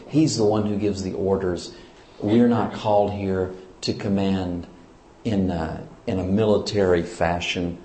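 A man's voice: sits low, roomy sound, slight background noise. A man, a church leader, teaching in sermon style, asking his listeners questions and pressing his points with emphasis. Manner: asks the audience questions, lively and emphatic.

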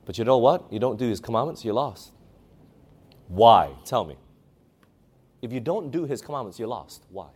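A man's voice: mid-range voice, animated, moderate pace, long pauses, a little mellow, breathy edge. A man preaching a sermon, emphatic, asking the audience questions and reading scripture aloud.

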